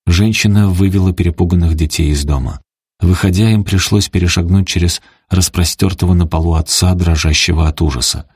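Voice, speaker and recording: A man narrating an audiobook in a steady, dramatic storytelling manner. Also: deep voice, fairly quick, husky, dry recording, studio quality. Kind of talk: audiobook reading.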